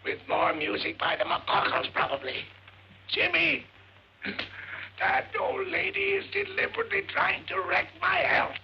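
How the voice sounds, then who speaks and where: Cranky old uncle, voice shot to a gravelly croak, cracking high; vintage muffled soundtrack. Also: male voice, huge pitch swings, unhurried, a little hiss or hum, heavily acted. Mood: gruff, grumbling. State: hoarse, lost voice. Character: gruff older man, hoarse, feuding and cranky. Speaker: irritable rich uncle. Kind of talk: 1940s film acting.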